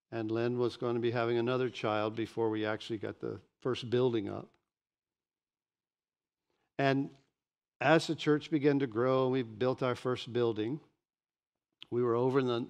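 A man in his sixties preaching a sermon from a church pulpit, animated and often repeating words as he starts a sentence. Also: mid-range voice. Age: 60s. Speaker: pastor. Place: church stage behind a pulpit.

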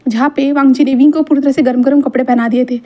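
A woman's voice: sits high, steady tone, fast, dark tone. A woman narrating a fan fiction love story in a chatty storytelling manner, full of fillers. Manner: chatty code-mixed storytelling, many fillers.

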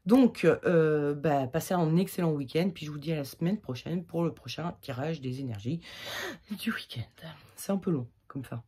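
A woman's voice: low-pitched, moderate pace, dark tone, husky. A woman giving a casual weekly tarot reading, chatty and rambling with many fillers, her throat slightly irritated. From France. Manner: jokey, laughs at her own slips. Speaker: tarot reader.

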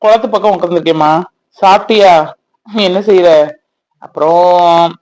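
A woman voicing a protective young village man in a cartoon, speaking in a with a gentle, reassuring manner. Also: lowish voice, normal speed, lightly acted, low-quality recording.

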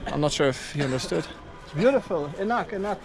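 Walking through an outdoor stadium and its corridors, this thirtysomething Belgian travel vlogger narrates casually and laughs a lot. His gravelly voice sits on the high side, with lively intonation and a fast delivery, recorded on an action camera held at arm's length.

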